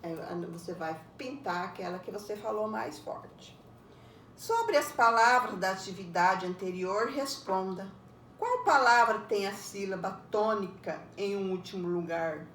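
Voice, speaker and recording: Woman teacher, unhurried, explains step by step for children, roomy recording with faint background noise. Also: mid-range voice, lively intonation, fairly bright tone, far from the mic. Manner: patient, explains step by step, ends phrases with a tag question. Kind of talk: recorded lesson for young pupils.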